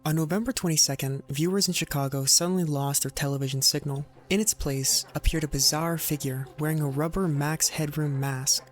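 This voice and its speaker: A video narrator with a slightly high voice reads scripted documentary narration in a steady tone. His explanations are measured, with short phrases set apart for dramatic weight, and music plays softly in the background.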